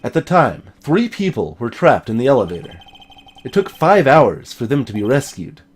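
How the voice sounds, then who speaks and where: This let's play features a man giving game lines a dramatic reading, broken up by playful, wry jokes. His voice is mid-range and sing-song with a breathy edge, moving at a normal speed.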